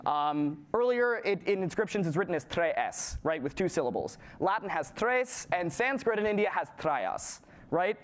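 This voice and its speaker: A young man giving a lively, casual lecture to a live audience, often checking in with "right?" and quizzing the room. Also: high-pitched, normal speed, few pauses. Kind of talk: live classroom lecture on historical linguistics.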